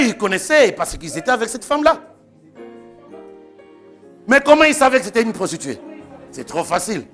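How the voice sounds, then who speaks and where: Pastor guy preaching, fairly high voice, lively, acts out little voices, faint music behind. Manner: animated preaching, acting out quoted voices. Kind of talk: sermon.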